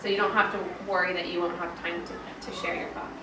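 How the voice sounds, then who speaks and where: With children around her in an indoor school classroom, a woman elementary teacher reads a picture book to the class, dramatic and expressive, emphasizing key words. She speaks fast in a voice on the low side, captured in a roomy, distant, noisy recording.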